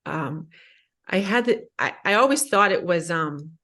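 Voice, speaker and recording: A woman's voice: lowish voice, lively intonation, a little slow, pushed and bright. Hesitant woman asking a question. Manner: hesitant, many fillers and restarts. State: emotional, voice rising. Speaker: audience member asking a question. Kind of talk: emotional personal question at an online book talk.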